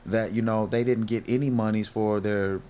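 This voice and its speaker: A man's voice: on the low side, fairly even intonation, moderate pace, dark tone. A middle-aged man hosting a podcast in a casual, earnest way, often stopping to restart and calling his guest "bro". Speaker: podcast host. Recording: faint background noise.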